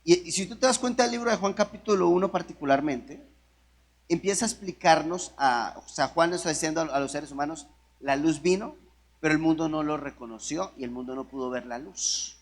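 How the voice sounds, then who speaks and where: A man's voice: fairly high pitch, a little fast. A man preaching a sermon in a conversational way, often asking the congregation rhetorical questions. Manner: conversational, with restarts and jokes.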